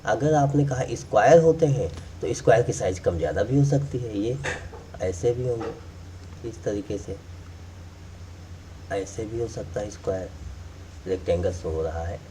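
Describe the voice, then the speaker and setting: A man's voice: fairly low pitch, expressive, normal speed, pauses often, warm tone, far from the mic, slight background noise. A man teaching math, explaining step by step while drawing and repeating key points. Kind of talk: classroom explanation.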